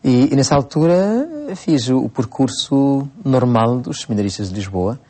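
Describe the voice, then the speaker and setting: A Cape Verdean priest in his forties answering interview questions at an unhurried pace, with frequent hesitations and restarts. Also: medium pitch, expressive, dark tone. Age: 40s. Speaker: priest, bishop-elect.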